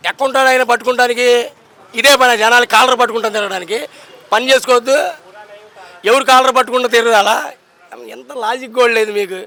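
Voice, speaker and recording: A man's voice: very high-pitched, steady tone, fast talker, pauses often, sharp tone. A young man, arguing politics outdoors in a street poll, emphatic and combative, firing off rhetorical questions. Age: young adult. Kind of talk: impassioned political street talk.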